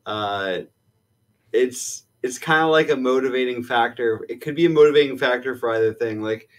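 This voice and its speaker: A man's voice: mid-range voice, normal speed. A man with an ordinary, middle-range voice talks casually about a video game's plot. He hesitates often and pads his sentences with fillers while working through his theories. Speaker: guest discussing the game. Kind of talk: casual game discussion.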